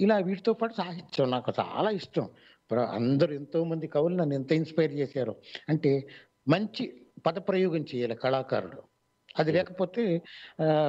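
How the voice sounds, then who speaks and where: A man with a Telugu accent, a mimicry artist, answering radio interview questions in a measured, explanatory way with many pauses and fillers. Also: on the high side, darkish tone. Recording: dull lo-fi online radio audio.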